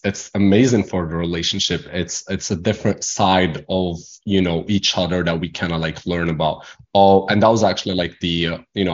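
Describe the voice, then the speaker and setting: Deep-voiced Moroccan-born man, rambling. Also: muffled recording. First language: not English. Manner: rambling, many restarts and fillers. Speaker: guest entrepreneur. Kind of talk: casual interview talk.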